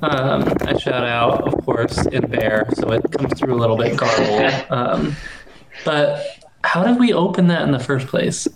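A man's voice: medium pitch, unhurried, very noisy. Man player thinking aloud at a game. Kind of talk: casual tabletop play.

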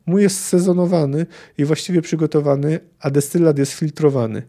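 A calm, learned alchemist explains things in refined, precise wording, read aloud by a man. The voice sits a little high, with a soft, dark tone. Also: brisk. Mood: calm, lecturing. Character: urbane learned male alchemist.

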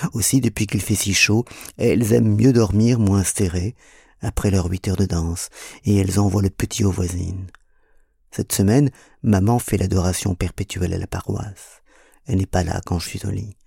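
Defiant young woman in a storybook reading, performed by a man, teasing, gravelly and husky. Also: sits low, fairly even intonation, normal speed, dark tone, no echo, studio quality, exaggerated voice. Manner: mocking, defiant. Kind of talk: audiobook reading.

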